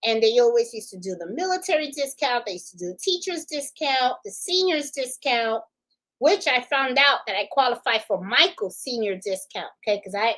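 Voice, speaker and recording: Woman, 50s, livestream host, casual rambling chat, slightly high voice, laughs easily. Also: expressive, moderate pace, fairly bright tone, low-quality recording. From Puerto Rico. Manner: chatty, rambling, laughs easily, reads viewer comments aloud.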